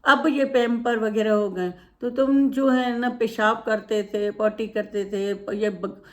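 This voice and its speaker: A woman voicing a patient, loving elderly mother in a retold moral story, speaking gently and pleadingly. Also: a little high, steady tone, slow. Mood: gentle.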